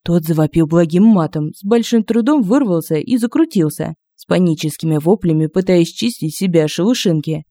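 A woman reads a comic fantasy story aloud with expressive, lively delivery. Her voice is mellow and soft-toned, and it sits close on a dry home-studio mic. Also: lowish voice, normal speed, few pauses, dry recording. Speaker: audiobook narrator. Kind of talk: scripted narration of humorous fantasy.

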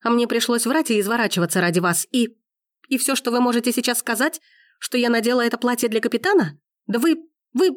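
A woman's voice: fairly high pitch, fast, no room sound, studio quality, pitched above the performer's own voice, close to an everyday voice. Woman voicing a fiery indignant young heroine. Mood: furious. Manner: heated, accusing, exclaiming.

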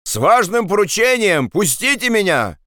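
A man voicing a desperate young male partisan messenger who shouts and pleads to be let through. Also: a little high, very animated, a little slow, no room sound, clean studio sound, pitched above the performer's own voice, heavily acted. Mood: desperate shouting.

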